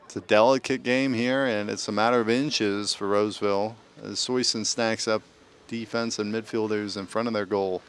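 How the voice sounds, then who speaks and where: A man's voice: fairly low pitch, steady tone, normal speed, a little hiss or hum. A man giving casual, joking live play-by-play commentary on an amateur soccer match. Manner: joking, informal, tries bits of Spanish.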